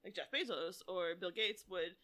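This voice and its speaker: A woman's voice: on the low side, moderate pace, pushed and bright. A young adult woman co-hosting a podcast, rambling and giggly, laughing often as she talks. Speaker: podcast co-host. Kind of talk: casual chat.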